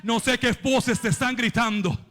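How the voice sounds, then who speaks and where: A man preaching an impassioned sermon to a church congregation, repeating phrases and building to shouted climaxes. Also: very high voice, normal speed, a little hiss or hum.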